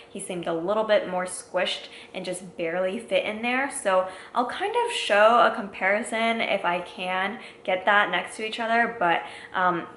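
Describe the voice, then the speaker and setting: A woman's voice: mid-range voice, fairly bright tone, echoey room, a little hiss or hum. A woman in her twenties, casually reviewing a product and walking through its features in a friendly, explanatory way. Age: 20s.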